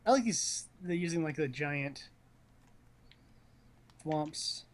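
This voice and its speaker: A man watching a video game on stream talks slowly in a fairly high voice with lively intonation. As the commentator, he keeps things casual, joking and teasing in slang.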